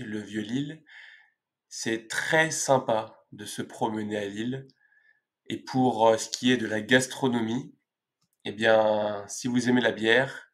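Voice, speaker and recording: A man in his twenties with a Parisian accent, teaching French pronunciation slowly and clearly, repeating each word. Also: on the low side. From France. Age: 20s. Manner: slow, clear pronunciation drills with repetition. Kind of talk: scripted language lesson.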